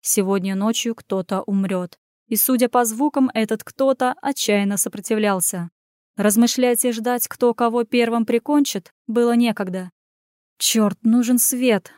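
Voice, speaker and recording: Brief: female audiobook narrator, fairly high voice, brisk delivery, dry close mic. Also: a little mellow, no echo. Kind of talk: scripted fantasy narration.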